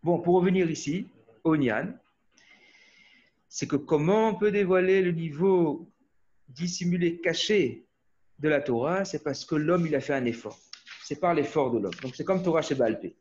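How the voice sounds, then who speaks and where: A man's voice: fairly high pitch, normal speed, a little mellow. A man born in Australia giving an informal Torah class over a video call, rambling with many restarts and checking in with his listeners. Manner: rambling, restarts often, asks "hmm?" of listeners. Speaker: Torah teacher. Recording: muffled video call audio.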